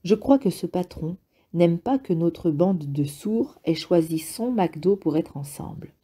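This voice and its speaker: A woman reading a memoir aloud in the first person, calm and measured. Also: on the low side, breathy edge. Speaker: reader.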